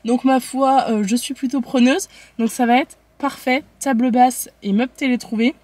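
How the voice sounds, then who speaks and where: A woman's voice: high-pitched, steady tone, moderate pace, darkish tone, a little hiss or hum. A young woman chatting casually to camera as a lifestyle vlogger, rambling and thinking aloud to her viewers. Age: young adult. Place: home living room, car and furniture store.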